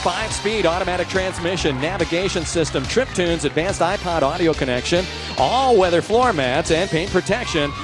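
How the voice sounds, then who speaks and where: An actor playing an excited, booming prize announcer in a game show video game, reading scripted prize copy. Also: male voice, moderate pace. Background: game show music.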